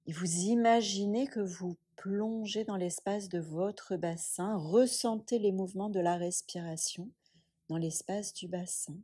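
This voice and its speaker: Softly and in a breathy whisper-like hush, a woman with a mid-range voice guides a yoga relaxation meditation. Long pauses give her soothing instructions room to settle.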